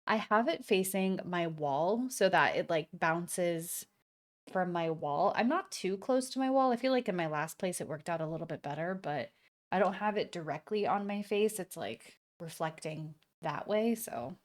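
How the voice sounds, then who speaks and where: A woman's voice: lowish voice, lively intonation, normal speed. A young woman at home, casually chatting and rambling through a live gameplay stream, with slang and the odd swear. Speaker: game streamer. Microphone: desk streaming mic.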